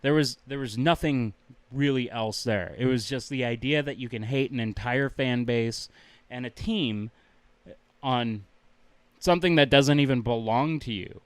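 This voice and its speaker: A young man vents on a podcast, swearing freely and sounding exasperated. His voice is clear and smooth at a middle pitch, recorded dry and close. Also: unhurried, dry recording. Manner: ranting, profane, exasperated. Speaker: podcast co-host. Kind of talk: casual chat.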